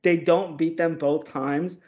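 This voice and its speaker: An opinionated man with a somewhat high voice talks through football stats and predictions with animated conviction. The audio sounds dull and lo-fi. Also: slow pace. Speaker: podcast co-host. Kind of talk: casual football analysis.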